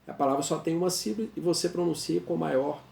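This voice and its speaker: A man's voice: a little high, gravelly, a little mellow, a little hiss or hum. Patient male teacher in an echoey room. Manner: patient, repeats examples slowly. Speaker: Portuguese teacher. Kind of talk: explanatory grammar lesson.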